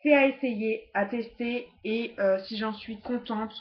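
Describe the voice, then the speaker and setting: A woman's voice: a little high, fairly even intonation, measured pace, highs cut off. A woman casually reviewing makeup brushes, hesitant and chatty with many fillers, recorded at home on a laptop webcam. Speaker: beauty vlogger.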